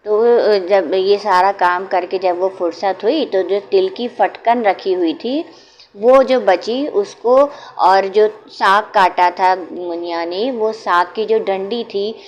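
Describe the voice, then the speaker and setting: A woman narrating a village folk tale in a homely, unhurried way, pausing to explain old customs. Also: mid-range voice. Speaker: storyteller. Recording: dull lo-fi sound, faint noise.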